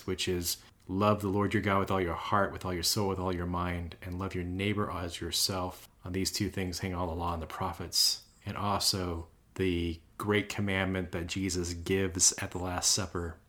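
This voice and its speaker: A man's voice: low voice, fairly bright tone. A man co-hosting a religious podcast as ordained clergy, explaining scripture in a teacherly way. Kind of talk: casual religious podcast chat.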